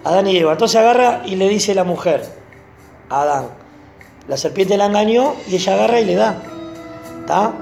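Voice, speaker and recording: A man preaching a sermon, animated and repeating phrases for emphasis. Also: sits high, normal speed, gravelly, pauses often, faint music behind.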